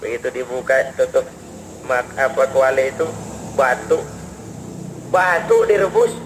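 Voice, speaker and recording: A man preaching a storytelling sermon, acting out the people in his story voices that swing from high wails to low murmurs. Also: lively intonation, measured pace. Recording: faint background noise, old radio recording.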